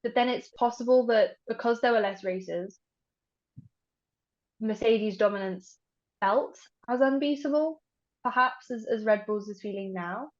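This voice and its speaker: A woman's voice: a little high, unhurried. A young woman co-hosting a podcast in casual chat. She hedges a lot and uses many fillers. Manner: chatty, hedging, many fillers. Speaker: podcast co-host. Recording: dull lo-fi audio.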